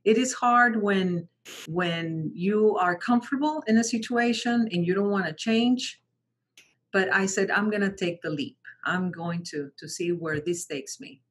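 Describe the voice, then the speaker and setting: Speaking in an unhurried, slightly rough mid-range voice, a middle-aged Mexican woman whose first language is Spanish tells her story as an interview guest. She founded a translation company, and she often restarts, repeats words and animatedly quotes other people.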